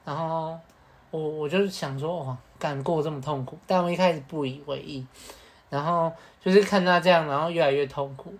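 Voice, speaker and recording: Podcast co-host, man, Taiwanese Mandarin accent, slangy and animated storyteller. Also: a little high, moderate pace. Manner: animated, slangy, peppered with Hokkien swearing. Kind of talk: casual storytelling.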